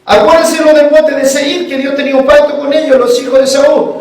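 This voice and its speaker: A man preaching a sermon as pastor, moving between forceful preaching and soft, emotional storytelling. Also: very high-pitched, flat delivery, fairly quick. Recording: echoey church sound from a distant mic.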